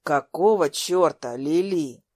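A domineering young man barks orders in a low, stern voice, as a woman puts him on. His tone is cold and commanding and his delivery is loud and forceful. The sound is dry and close. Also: normal speed, no echo, lightly acted.

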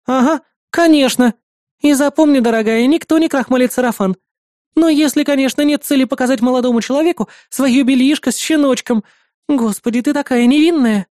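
A woman's voice: high voice, fairly quick, warm tone, dry recording, clean studio sound, voice pushed up, natural voice. A woman voicing a bossy, sarcastic middle-aged female neighbor in an audiobook. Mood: indignant. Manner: scolding, indignant, sarcastic. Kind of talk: audiobook character voice.

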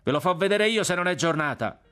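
A male reader voicing a big, hot-tempered friar who scolds loudly. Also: mid-range voice, brisk, soft background music, voice pushed up, close to an everyday voice. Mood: furious. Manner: scolding, shouting. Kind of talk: audiobook character voice.

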